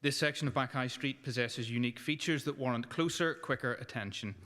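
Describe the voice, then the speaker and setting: A man's voice: medium pitch, fairly quick, fairly bright tone. A male city councillor reading a residents' petition aloud in a formal way, with a few small stumbles. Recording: council chamber with long reverb.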